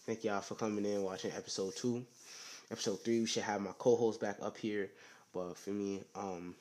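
Young man rambling low on a podcast. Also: darkish tone. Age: young adult. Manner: rambling, slangy, often says "you know what I'm saying"; talking low and subdued. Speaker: podcast host. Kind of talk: casual solo podcast chat.

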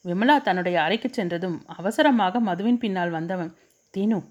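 A woman's voice: lowish voice, normal speed, dull audio. Woman narrating a romance audiobook. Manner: steady, storytelling.

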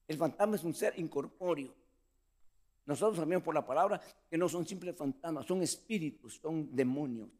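Man, pastor, sermon, animated delivery, higher voice. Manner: preaching with lively pitch swings, addressing listeners as brother.

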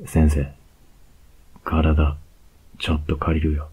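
A man with a Kansai accent playing a cocky young male student who teases his teacher, in a whispered role-play with a slow, close murmur. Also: a bass voice, monotone, slightly rough, full character voice. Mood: teasing. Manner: slow, close, teasing murmur with soft laughs.

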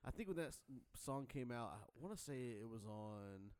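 A man's voice: mid-range voice, animated, normal speed, darkish tone, clear, resonant tone, dry recording. A man in his thirties co-hosting a radio show in casual, bantering conversation. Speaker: radio co-host.

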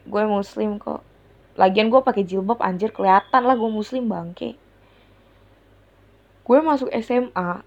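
A woman's voice: mid-range voice, creaky. Slangy young woman telling a story. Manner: slangy, exasperated, animated retelling. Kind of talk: personal storytelling monologue. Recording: dull lo-fi sound.

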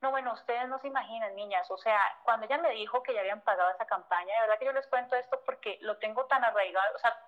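Woman, Mexican accent, former model, emotional storytelling, acts out dialogue, somewhat high voice, muffled lo-fi audio. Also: quick pace, few pauses. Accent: Mexican Spanish. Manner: emotional, vivid retelling that acts out past conversations, frequent "o sea" fillers. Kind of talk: personal storytelling in a conversation.

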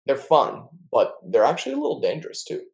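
A man's voice: mid-range voice, huge pitch swings, brisk, gravelly, darkish tone, rough recording. A young man co-hosting a casual chat, telling stories in a chatty, jokey way and playfully mangling words. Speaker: podcast co-host.

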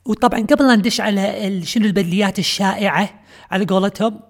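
A woman's voice: medium pitch, fast talker. A woman with a Kuwaiti accent hosting a comedy podcast in a sarcastic, mocking tone. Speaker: podcast host.

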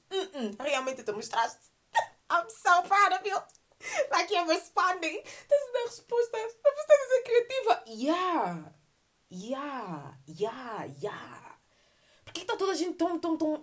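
Woman host, high and lively voice, casual animated rant. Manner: animated, mixing Portuguese and English, laughing asides. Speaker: podcast host. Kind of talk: casual monologue.

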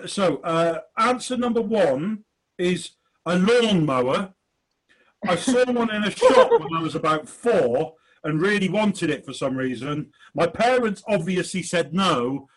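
High-voiced quiz host, jokey. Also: male voice, expressive, slow pace, poor audio. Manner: jokey, hesitant with fillers. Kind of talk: online comedy panel show hosting.

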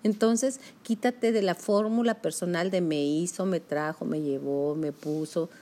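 A woman's voice: lowish voice, fairly even intonation, a little slow, warm tone. A woman giving a motivational self-help talk, speaking directly to the listener in a coaching manner.

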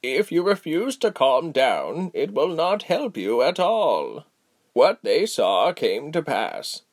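A man playing a slow old wise healer woman. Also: a little high, voice pushed up, full character voice. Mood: stern. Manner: slow, calm, measured, stern. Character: old, tired, wise female healer with a walking stick. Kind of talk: audiobook character voice.

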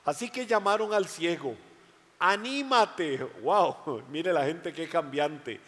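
A man preaching a sermon with passion, often raising his voice to shout the cries in the story. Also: on the high side, measured pace. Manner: impassioned, shouts quoted cries. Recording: long hall reverb.

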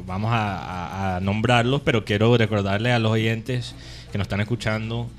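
A man's voice: lowish voice, fairly even intonation, moderate pace, faint music behind. A man from the United States speaking Caribbean coastal Colombian Spanish with an American accent, co-hosting casual sports talk on radio. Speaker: radio show co-host.

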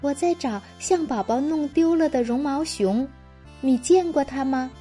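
A woman's voice: high-pitched, measured pace, warm tone, faint music behind, pitched above the performer's own voice. A woman reading a storybook, voicing a kind, helpful young heroine in an earnest, eager way.

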